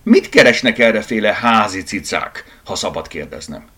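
A man's voice: expressive, husky. Húzós, a man doing a jeering stray-cat boss. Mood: gruff challenge. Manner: loud, jeering, booming laughter. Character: mocking loud stray-cat leader tomcat.

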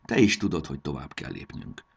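A man's voice: very deep voice, lively intonation, breathy edge, full character voice. A man voicing a brave young boy who talks in a reassuring, eager way.

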